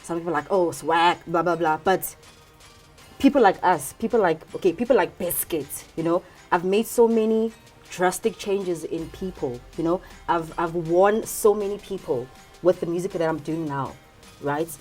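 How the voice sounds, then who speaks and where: Lowish-voiced woman rapper. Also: moderate pace, darkish tone, faint music behind. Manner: laughing, mixes in Zulu, emphatic slang. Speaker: rapper guest. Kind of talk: casual panel chat.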